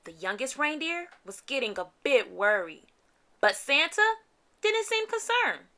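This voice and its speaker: A high-pitched woman narrates a children's storybook, reading aloud expressively with deliberate phrasing.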